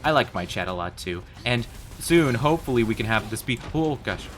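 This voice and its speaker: A man's voice: medium pitch, animated, a little fast, fairly bright tone, a little hiss or hum. A man livestreaming games, talking casually and bantering playfully with his chat. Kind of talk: casual gaming stream chat. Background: faint music.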